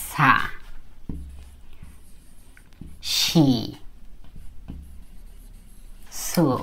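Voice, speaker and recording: Low-voiced woman teaching letter writing. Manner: explains slowly, repeating each step of writing the letters. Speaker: Japanese language teacher. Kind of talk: casual spoken lesson.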